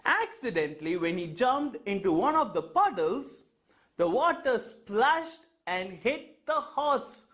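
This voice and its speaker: Lively high-voiced male storyteller. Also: slow. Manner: animated, expressive. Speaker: children's storyteller. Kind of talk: storytelling for kids.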